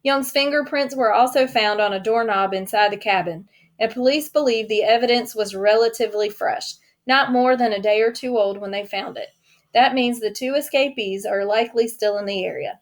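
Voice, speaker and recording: A woman reading an audiobook, voicing a news anchor who delivers a crime report in an even, measured way. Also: a little high, close to an everyday voice. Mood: serious.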